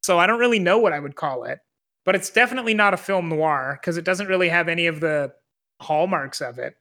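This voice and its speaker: A man's voice: fairly high pitch, a little fast, sharp tone. A man co-hosting a film podcast, chatting casually and hesitantly, with many fillers and restarts. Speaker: podcast co-host.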